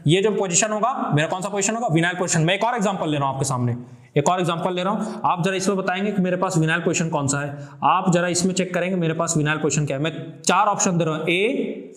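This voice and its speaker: A male chemistry teacher with a fairly high voice lectures his students. He keeps asking questions and answering them himself, calling the students fondly. The sound is roomy, with a noticeable echo. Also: quick pace, a bit bright. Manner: repetitive call-and-response questioning; affectionate addressing of students. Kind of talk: classroom lecture.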